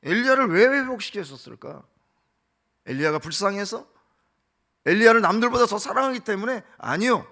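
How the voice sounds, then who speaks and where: Middle-aged man, pastor, dawn sermon, gravelly, bright forceful tone, impassioned rhetorical questions. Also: sits high, lively intonation, a little fast, long pauses. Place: church sanctuary.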